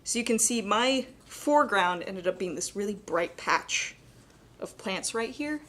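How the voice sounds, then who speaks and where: Measured in pace, this young adult woman's medium-pitched voice is expressive, fairly bright and slightly cracking. She runs a live painting demo as the instructor, explaining casually and chattily with many "like"s and "kind of"s.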